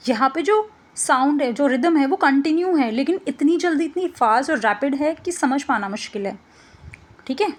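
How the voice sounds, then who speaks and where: A woman's voice: high voice, expressive, moderate pace. A woman teaching an exam-prep lesson, explaining slides casually and often checking in with "ठीक है". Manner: casual explanatory, mixes English terms, frequent "ठीक है" check-ins.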